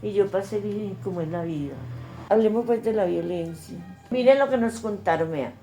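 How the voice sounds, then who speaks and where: A woman's voice: mid-range voice, normal speed, dark tone. An older woman from Colombia tells her story in a Paisa accent. She talks with feeling and slips into the voices of the people in it. Faint music plays under her voice. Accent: Colombian Paisa Spanish. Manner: emotional storytelling, acting out quoted voices. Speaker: interviewee. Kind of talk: oral history testimony.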